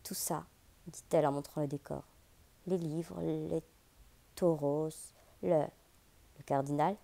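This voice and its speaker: A woman voicing a young heroine in an audiobook, speaking a little higher than her narration. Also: fairly even intonation, slow pace, vocal fry, dark tone, exaggerated voice. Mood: puzzled. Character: young woman, frightened then composed. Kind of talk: audiobook character voice.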